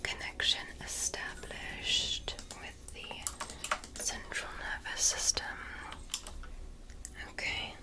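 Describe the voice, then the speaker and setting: In a whispered ASMR roleplay, a woman plays a gentle alien medical examiner. Her delivery is soothing, deliberate and reassuring.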